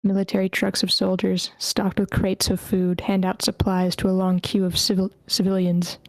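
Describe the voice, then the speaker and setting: A woman reads scene directions aloud at a script table read, at a steady pace. She sometimes trips over character names. Her voice sits at a middle pitch and stays flat and even, recorded close and dry. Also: normal speed, no room sound. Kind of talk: reading screenplay action lines aloud. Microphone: computer mic in an online meeting.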